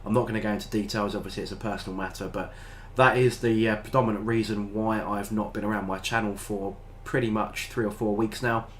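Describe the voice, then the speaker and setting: Here the same kind of British host, an older man with a stuffy, nasal cold, talks quickly through a game book review to camera, barely pausing and filling gaps with ums and uhs. His pitch sits on the low side, steady and fairly bright, over a little hiss or hum.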